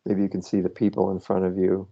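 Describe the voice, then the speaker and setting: A man guiding someone through self-inquiry on a video call, speaking calmly and patiently and thinking aloud. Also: sits low, fast, vocal fry. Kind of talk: slow reflective coaching on a video call. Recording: muffled lo-fi video call audio.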